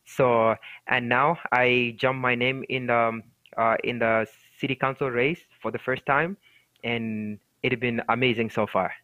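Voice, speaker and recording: A young man from Ethiopia, a city council candidate, speaking earnestly with many halting fillers over a headset on a video call. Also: mid-range voice, steady tone, bright, forceful tone, dry recording. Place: home room. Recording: dry tinny video call audio.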